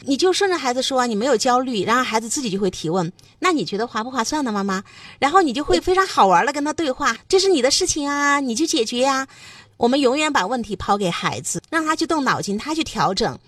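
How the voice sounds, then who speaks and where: A woman's voice: a little high, big pitch swings, fast talker, dry recording, clean studio sound, recorded from a distance. A woman hosting a parenting talk, asking questions and then summing up her guest's points. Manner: reflective, sums up and praises. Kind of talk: interview, casual conversation.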